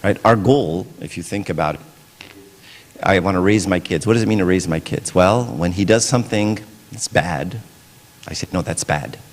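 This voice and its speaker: This preacher speaks at normal speed in a low-pitched voice, his relaxed sermon echoing with long church reverb. He keeps asking his listeners "right?" to check they're with him.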